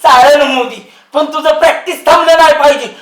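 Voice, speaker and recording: Older man with a high voice in a roomy space, a coaxing, scolding elder in a comedy sketch. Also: a little fast. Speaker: elder relative. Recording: roomy echo.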